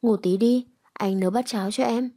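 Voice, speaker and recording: Woman doing a protective, bossy young man in a storybook reading. Curt delivery, mellow and dark. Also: fairly high pitch, fairly even intonation, normal speed.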